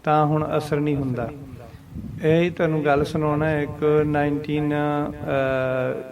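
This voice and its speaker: A man teaching the pronunciation and meaning of Sikh scripture, patiently repeating verses slowly to model how they should be said. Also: on the high side, little pitch movement, lo-fi sound. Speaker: Gurbani teacher.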